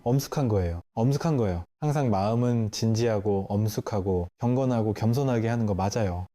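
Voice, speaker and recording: A male Buddhist monk speaking in a temple hall, his voice very dark and mellow. He preaches in a light, joking way. He tells stories and keeps asking the audience questions. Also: mid-range voice. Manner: playful storyteller, asks the audience questions. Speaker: Buddhist monk giving a dharma talk. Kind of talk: lively Q&A sermon to a temple audience.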